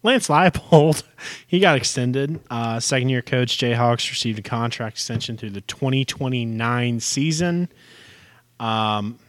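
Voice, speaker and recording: A man's voice: medium pitch, measured pace, a bit bright. A man co-hosting a casual sports podcast, chatty and adding side facts. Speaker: podcast co-host.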